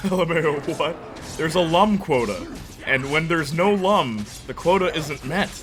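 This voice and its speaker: A man's voice: on the high side, animated, a little slow, a crowd in the background. A man streaming a game, chatting casually with viewers and joking around. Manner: joking, chatty, laughs often. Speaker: gaming streamer. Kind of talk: casual chat while playing a game. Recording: noisy background hiss.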